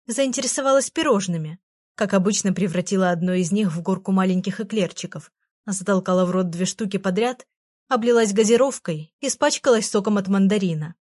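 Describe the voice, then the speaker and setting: A woman reading an audiobook aloud, narrating in the first person in a plain, even voice with a wry, sighing tone. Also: mid-range voice.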